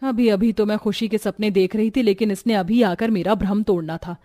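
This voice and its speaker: A woman's voice: fairly even intonation, a little fast, warm tone, close to an everyday voice. A woman voicing a fed-up young housewife in a cartoon, grumbling and exasperated. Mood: flustered. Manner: grumbling and exasperated, pitched lower. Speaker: daughter-in-law character. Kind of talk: cartoon voice acting.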